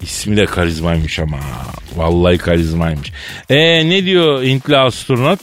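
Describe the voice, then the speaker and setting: A man's voice: low-pitched, moderate pace, fairly bright tone. A man hosting a comic radio show, bantering and acting out a mock phone call.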